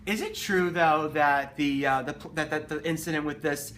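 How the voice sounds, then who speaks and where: A man co-hosting with unscripted explanations, talking haltingly and repeating words as he goes. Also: fairly high pitch, a bit bright. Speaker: co-host. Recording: distant mic, background noise.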